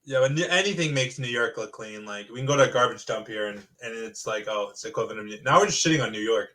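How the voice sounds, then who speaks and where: A man's voice: medium pitch, quick pace, a bit bright. A young man hosting a casual podcast chat, asking lots of questions, joking and laughing easily. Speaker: podcast host.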